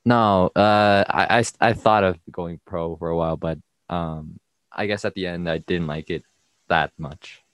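A teenage young man from Mexico guests on a casual podcast. His voice is very low, and he speaks in halting bursts with frequent restarts. The recording is dry and close. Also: steady tone, no echo. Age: teens. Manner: hesitant, halting, laughs often. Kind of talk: casual interview chat.

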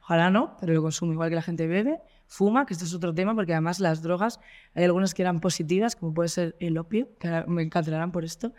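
A woman with a Spanish accent, a guest on a podcast interview, telling a story in a blunt, animated way with swearing. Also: fairly low pitch, fast talker. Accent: Spain. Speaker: guest singer and activist.

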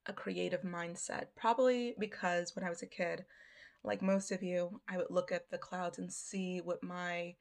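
A woman hosting a podcast, speaking in a reflective, deliberate monologue with pauses. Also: fairly low pitch. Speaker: podcast host.

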